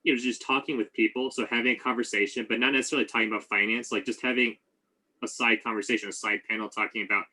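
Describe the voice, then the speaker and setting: A man moderating a club session on a call, reading student questions aloud, often pausing with "um". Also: mid-range voice, fairly even intonation, bright, forceful tone, rough recording. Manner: hesitant, frequent "um" and "you know".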